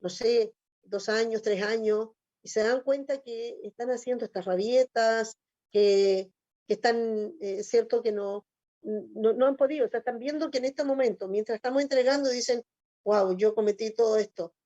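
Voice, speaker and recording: A Chilean woman pastor hosts a church talk program, her fairly high voice mellow in tone. She speaks haltingly with frequent restarts while putting questions to her guests. The recording sounds dry and slightly muffled. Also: fairly even intonation, no room sound. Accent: Chilean Spanish. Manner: hesitant, many restarts, greets viewers. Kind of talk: church talk show hosting.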